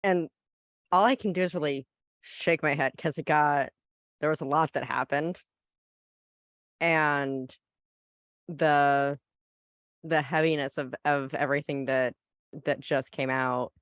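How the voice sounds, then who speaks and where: A tabletop game player reflecting in character, pausing as they sort through feelings. The voice is smooth and clear at a middle pitch. The sound is dry, with no echo. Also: fairly even intonation, fairly bright tone.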